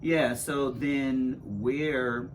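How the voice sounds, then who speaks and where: A man in a casual conversation, talking in a halting way and often restarting as he searches for words. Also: medium pitch, steady tone, slight background noise. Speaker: conversation partner.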